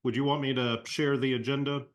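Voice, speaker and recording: A man's voice: medium pitch, level tone, a little fast. Courteous man organizing a video call. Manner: brief, courteous, hesitant. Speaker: meeting organizer. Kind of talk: facilitating a video-call meeting.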